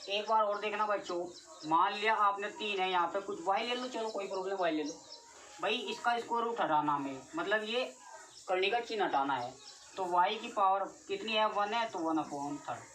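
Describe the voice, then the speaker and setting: A woman's voice: mid-range voice, normal speed, fairly bright tone. A woman teaching a class-nine math lesson, repeatedly asking her students questions. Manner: repetitive, keeps questioning students. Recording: distant mic with faint noise.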